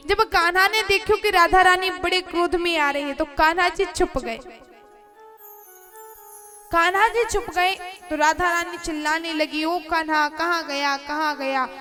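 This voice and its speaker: A woman storyteller giving a devotional story sermon in an emotive, dramatic way. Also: very high voice.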